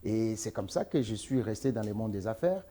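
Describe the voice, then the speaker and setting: Man, interview guest, emphatic, deep mellow tone. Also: animated, moderate pace. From Democratic Republic of the Congo. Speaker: interview guest, entrepreneur and author. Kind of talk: answering interview questions.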